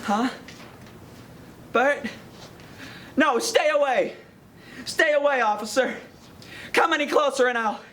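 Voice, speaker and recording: A man's voice: very high-pitched, slow pace, pauses often, pushed and bright, slight background noise, exaggerated voice. A man playing a desperate young husband in an amateur stage play, pleading and frantic. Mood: relieved.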